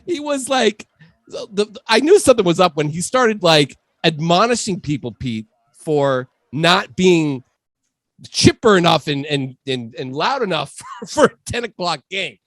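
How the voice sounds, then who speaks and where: A man's voice: high-pitched, sing-song, a little slow, fairly bright tone, dry recording. A man co-hosting a sports podcast, telling stories in a casual chat and laughing often. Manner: laughs through his storytelling. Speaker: podcast co-host.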